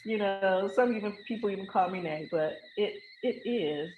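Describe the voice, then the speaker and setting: She's an American podcast host, casual and unscripted, with a medium-pitched voice, a moderate pace and a playful, emphatic, colloquial style. The narrow, tinny recording is clearly noisy with ringing, made in a hotel where a crowd and passersby can be heard.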